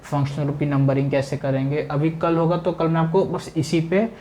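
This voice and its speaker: A man's voice: on the high side, completely flat delivery, fairly quick, darkish tone, a little hiss or hum. A man teaching chemistry, lecturing a class and repeating key terms back as questions.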